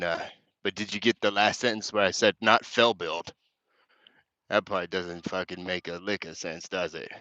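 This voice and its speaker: A man's voice: low voice, bright, forceful tone, no echo. A man doing a push-up challenge on a live stream, reading chat comments aloud and cursing as he jokes, a little out of breath between sets. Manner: crude, joking, reads chat comments aloud with laughs.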